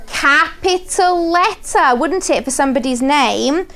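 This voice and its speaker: A woman from Berkshire with a southern English accent, a phonics teacher speaking to a class and slowly modelling letter sounds. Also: high voice, expressive, fairly bright tone, a little hiss or hum. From Berkshire, England.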